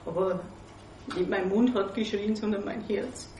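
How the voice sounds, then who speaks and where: An older woman giving an earnest church testimony in short phrases, pausing after each one for her interpreter. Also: mid-range voice, steady tone, warm tone, far from the mic, slight background noise. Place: church hall. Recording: roomy hall, voice heard from off mic.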